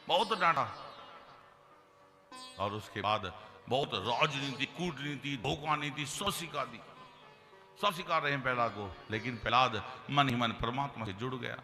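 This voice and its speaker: A man's voice: mid-range voice, pushed and bright. A man telling a devotional story as a sermon, acting out the characters' dialogue and chanting verses. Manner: chants Sanskrit verses melodically. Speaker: kathavachak preacher. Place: large hall, religious gathering. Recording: reverberant hall with music.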